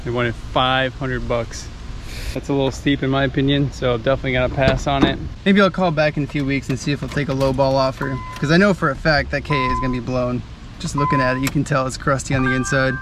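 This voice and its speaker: A man's voice: mid-range voice, steady tone, quick pace. Man muttering through a noisy junkyard. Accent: American Midwest. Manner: offhand, muttering car names to himself. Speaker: car vlogger. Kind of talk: casual running commentary. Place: outdoor junkyard, later inside a car. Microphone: handheld action camera.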